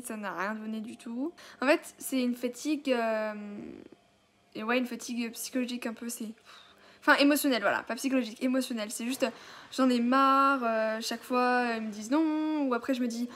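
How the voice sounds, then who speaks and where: A woman's voice: a little high, fairly even intonation, a little fast, fairly bright tone. A young woman from France, a student talking casually and candidly about daily life. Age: young adult. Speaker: student looking for work. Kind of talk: casual, candid documentary talk. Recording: background noise, public bustle.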